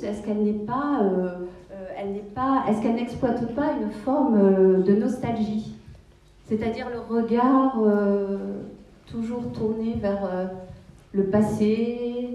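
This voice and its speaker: A woman's voice: on the high side, warm tone, recorded from a distance, slight background noise. A woman interviewing an author, nodding along with short affirmations and posing long questions. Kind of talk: radio interview. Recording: echoey room, voice from off-mic.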